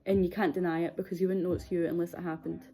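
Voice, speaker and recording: A young Scottish woman speaks in a low, dark and relaxed voice with little rise and fall. She tells her own story in a candid, conversational style, hesitating as she goes. Faint music plays behind her. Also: racing. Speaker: video series host. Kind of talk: personal confessional storytelling.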